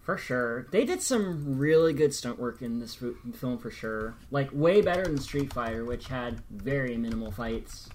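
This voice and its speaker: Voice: medium pitch, lively intonation, moderate pace, hardly any pauses, darkish tone, slight background noise. Podcast co-host with dry asides. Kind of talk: casual chat.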